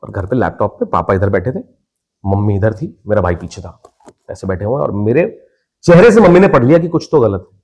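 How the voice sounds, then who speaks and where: A man's voice: lowish voice, a little fast. A young Indian man from India, a podcast guest and actor, telling his life story in casual conversation and acting out his family's voices. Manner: lively storyteller who acts out family members' voices.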